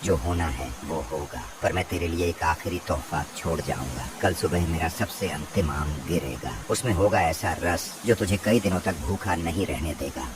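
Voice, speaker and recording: A man voicing an ancient, gentle, fatherly mango tree spirit in a cartoon, speaking solemnly and tenderly. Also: sits low, moderate pace, hardly any pauses, close to an everyday voice. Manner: solemn, tender farewell speech. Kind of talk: cartoon voice acting. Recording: distant voice with heavy background noise.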